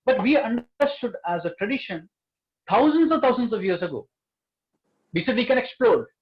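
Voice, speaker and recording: A man's voice: extremely high pitch, big pitch swings, moderate pace, muffled recording. A man speaking earnestly as a panelist, stressing key words again and again. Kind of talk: panel discussion.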